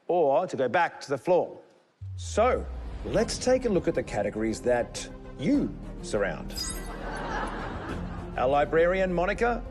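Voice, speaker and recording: A man hosting a game show like a booming prize announcer, with dramatic pauses and drawn-out emphasis. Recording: studio show with loud music and crowd. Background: music and audience.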